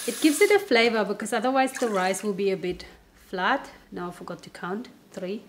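A native German-speaking woman vlogs a home cooking demo in her kitchen, chatting casually while sniffly with a cold. Her mid-range voice is animated and moderately paced, with background music and a noisy backdrop.

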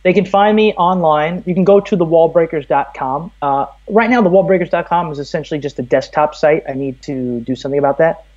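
This American man from Brooklyn, in his thirties, talks fairly quickly with few pauses in a fairly high, slightly mellow voice over dull audio. As a podcast interviewee he is emphatic, earnest, rambling and full of opinions.

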